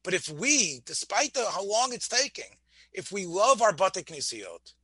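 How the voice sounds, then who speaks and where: A man's voice: high voice, sing-song, normal speed, pushed and bright, breathy edge, no echo. A man teaching a Torah class, often restarting words, asking his listeners questions and mixing Hebrew phrases into his English. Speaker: rabbi lecturer.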